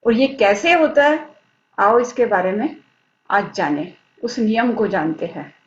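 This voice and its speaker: A woman's voice: mid-range voice, expressive, a little slow. A woman teaching a grammar lesson online, patiently explaining and answering her own questions as she points at the screen. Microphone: screen-recorded lesson. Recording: dull lo-fi audio.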